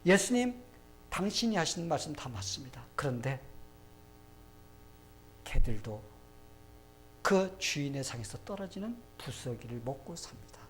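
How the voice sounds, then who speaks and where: A man's voice: a little high, sing-song, normal speed, pauses often, a little hiss or hum, rough recording. A man preaching voices a humble, desperate mother who begs for help for her sick daughter. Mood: pleading. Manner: humble, imploring.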